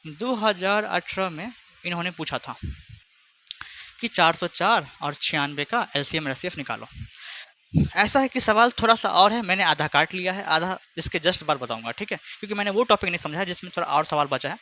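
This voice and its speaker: Bright-voiced chatty maths teacher. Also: male voice, high-pitched, fairly quick, a little hiss or hum. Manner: chatty, teasing, speaks both sides of a pupil dialogue. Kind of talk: online class lesson with imagined student back-and-forth.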